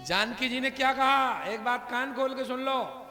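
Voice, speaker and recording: A man's voice: extremely high pitch, measured pace, pushed and bright, roomy sound, in a large hall, faint music behind. A man giving a devotional discourse, telling the story and talking straight to the audience, with bits of rustic dialect. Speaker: kathavachak preacher. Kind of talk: devotional discourse with verse recitation.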